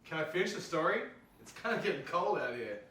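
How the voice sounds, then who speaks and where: A man's voice: a little high, big pitch swings, fast talker, sharp tone, distant mic. A man playing a casual, slangy guy telling a spooky tale to friends at an amateur script table read. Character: casual male storyteller spinning a spooky cemetery tale to friends. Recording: roomy, off-mic, faint noise.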